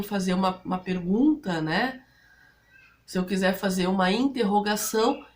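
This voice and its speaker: A woman speaking Brazilian Portuguese, explaining English grammar rules to students step by step and often checking in with her listeners. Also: medium pitch. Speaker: English teacher.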